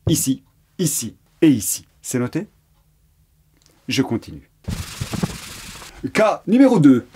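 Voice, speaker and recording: Slow patient French teacher, man. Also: mid-range voice, darkish tone, husky. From France. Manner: patient, repeats examples and spells words out. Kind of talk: slow explanatory lesson.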